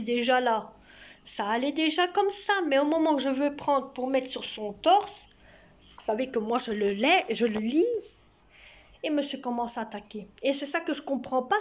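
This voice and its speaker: A woman's voice: high voice, dull audio. A woman, chatting to her camera at home in a rambling way that often repeats itself. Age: 60s. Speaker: vlogger. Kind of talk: casual chat to camera. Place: at home, indoors. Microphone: camera in front of her.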